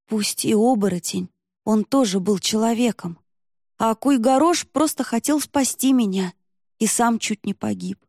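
A woman's voice: on the high side, a little slow, vocal fry, a little mellow, no echo, studio quality, voice pushed up. Woman reading an outspoken young heroine.

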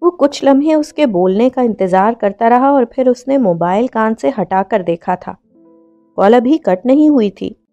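A woman reading a novel aloud as narrator, in a steady storytelling manner. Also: fairly high pitch, unhurried, lo-fi sound. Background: faint music.

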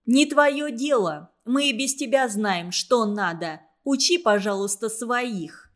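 A woman reading a children's story aloud, voicing a bossy, indignant schoolgirl who shouts her protests. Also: fairly high pitch, lively intonation, slow pace.

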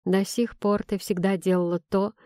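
A woman voicing a gentle middle-aged father who speaks softly and quietly to his daughter. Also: medium pitch, fairly even intonation, normal speed, clean tone, dry recording, studio quality, lightly acted.

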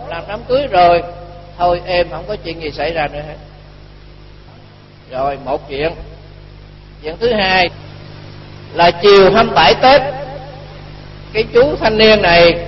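A man's voice: sits high, a little hiss or hum. A man, a Buddhist monk giving a storytelling sermon and acting out the dialogue in his tale. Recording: dull lo-fi recording with long reverb.

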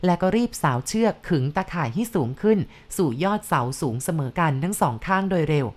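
Woman, storyteller, calm measured narration, slightly low voice.

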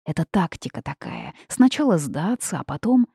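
A woman voicing a hot-tempered young witch in a storybook, blunt and quick to flare up. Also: sits low, sing-song, vocal fry, mellow, husky, no room sound, clean studio sound, full character voice. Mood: flustered. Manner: quick-tempered, indignant outbursts.

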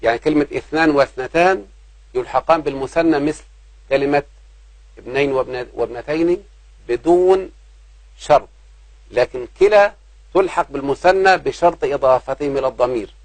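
A man's voice: medium pitch, a little fast, pauses often, no echo, rough recording. Man teaching grammar, dry sound. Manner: repeats key points, asks the class rhetorical questions. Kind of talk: grammar lesson explaining a text.

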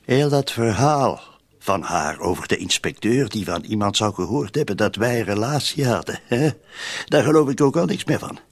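In a radio drama, a male actor with a Flemish accent plays a scheming, suspicious conspirator who is agitated and insistent, often dropping to near-whispers. His voice is on the low side and expressive, at a normal speed.

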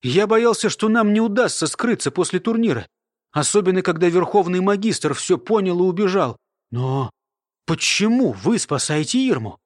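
A man's voice: high-pitched, lively intonation, moderate pace, dry recording, studio quality. Man doing Dave, an earnest young man.

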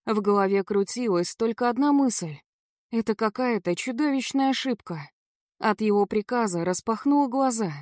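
A woman's voice: a little high, normal speed, a little mellow, no echo, clean studio sound. A woman narrating a first-person audiobook in a dramatic, tense storytelling manner.

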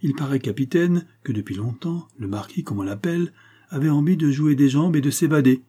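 A sly, scheming male accomplice who mocks and jokes with easy confidence, as a man reads him in an audiobook. The voice is warm and low in brightness, with a husky grain. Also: brisk. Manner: mocking, easygoing. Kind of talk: audiobook character reading.

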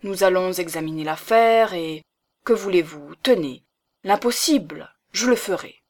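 A woman's voice: fairly low pitch, unhurried. A woman voicing an eager, gallant middle-aged bourgeois man who makes fervent, emphatic promises.

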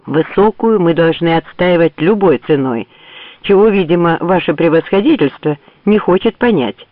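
Man as a firm, protesting general, sharp delivery, lively pitch, thin phone-line sound. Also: normal speed, dry recording, natural voice. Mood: insistent. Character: firm, determined male general. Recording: tinny phone-like dry audio.

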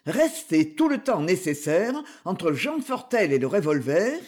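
A reader narrating a literary story as an audiobook, slow and expressive. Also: medium pitch.

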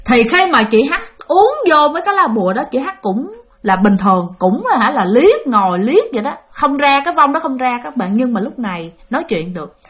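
Woman storyteller, high-pitched, chatty with fillers. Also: sing-song, fairly quick, a bit bright. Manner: chatty, many fillers, addresses listeners. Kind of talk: spoken ghost-story narration.

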